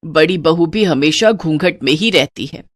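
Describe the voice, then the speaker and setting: A woman's voice: low-pitched, normal speed, dry recording. A woman voicing a strict, old-fashioned elderly mother-in-law who talks in a stern, scolding way.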